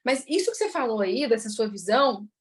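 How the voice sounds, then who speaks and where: A woman hosts a relaxed interview, answering her guest with eager agreement. Her voice sits slightly higher than most women's. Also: fast. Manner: affirming, enthusiastic listener. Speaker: interview host. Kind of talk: casual interview chat.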